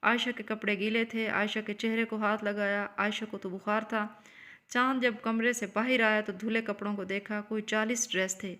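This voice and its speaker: A woman telling an emotional story as scripted narration, in a steady storytelling manner. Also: mid-range voice.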